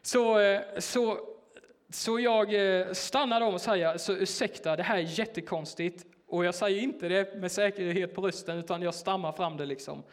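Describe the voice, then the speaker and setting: A man preaching in a church, telling a personal story in a casual, hesitant way with many fillers. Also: high-pitched. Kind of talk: sermon told as a personal story.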